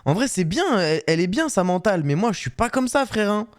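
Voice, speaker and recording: A man with a slightly high voice riffing over a video he is reacting to. His talk is slangy, jokey and animated, tossing out asides to his viewers. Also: fast. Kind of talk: casual reaction chat.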